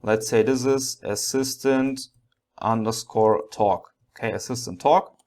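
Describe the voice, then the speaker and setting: A man's voice: medium pitch, measured pace, darkish tone. A man giving a step-by-step programming tutorial, thinking aloud and often checking in with a short okay.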